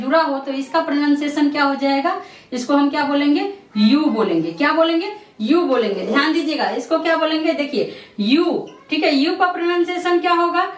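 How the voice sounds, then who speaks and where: A woman, teaching English pronunciation in a classroom style. She keeps asking questions and answering them herself, with a steady stream of "theek hai". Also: sits high. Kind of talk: classroom-style lesson explanation. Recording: echoey room, voice from a distance.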